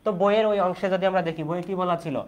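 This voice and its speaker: A man's voice: high-pitched, fairly even intonation, fast talker, dull audio. A young man from Bangladesh teaching an online exam-prep class in Bengali, asking questions and repeating the key answers.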